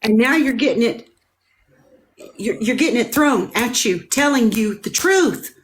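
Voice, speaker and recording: A woman's voice: a little high, expressive, measured pace. A woman hosting a live panel debate, making her points emphatically and repeating them. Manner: emphatic, repetitive, explanatory. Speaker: panel host.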